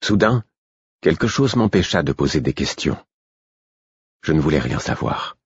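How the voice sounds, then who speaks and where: A man reading a novel aloud in first person, with measured, even storytelling. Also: very deep voice, breathy edge, no echo, dull audio. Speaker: audiobook narrator. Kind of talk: scripted first-person narration.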